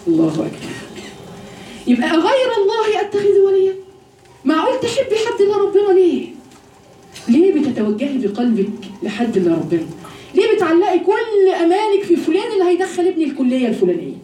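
A woman with an Egyptian Arabic accent giving a religious lesson to women, full of rhetorical questions and slowing down to recite verses. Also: extremely high pitch, big pitch swings, dark tone, a little hiss or hum. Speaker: religious teacher addressing women. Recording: roomy echo, voice from a distance.

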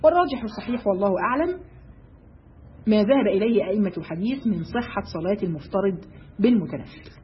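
A woman with an Egyptian accent giving a religious lesson to women, briskly asking her listeners rhetorical questions. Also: mid-range voice, animated, a little hiss or hum. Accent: Egyptian Arabic. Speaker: religious teacher. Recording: dull lo-fi recording.

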